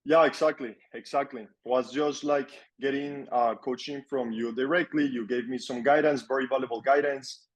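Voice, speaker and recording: This young adult Colombian guest runs an agency and talks in a laid-back interview chat. He speaks at medium pitch and a moderate pace with hardly any pauses, often repeating words to stress a point.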